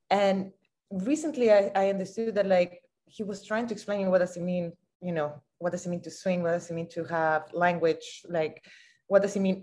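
A woman's voice: lowish voice, darkish tone. A young woman, a saxophonist, talking thoughtfully in casual conversation over a video call. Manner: thoughtful, many fillers like "you know" and "like". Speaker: saxophonist and composer. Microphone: video call mic.

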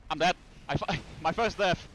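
A man's voice: fairly high pitch, moderate pace, a bit bright, slight background noise. A man hosting a co-op game stream, chatting casually, stammering and swearing often. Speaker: streamer host. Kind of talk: casual co-op gaming chat.

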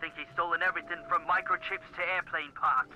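An actor voicing a brisk, blunt man on the phone in a video game. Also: fairly high pitch, fairly even intonation, dull audio, close to an everyday voice. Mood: matter-of-fact.

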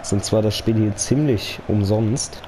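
A young man with a lowish voice gives casual, slang-heavy live commentary over a football video game, slipping in some earnest pep talk. He's a gaming YouTuber and speaks unhurriedly, with noise in the background.

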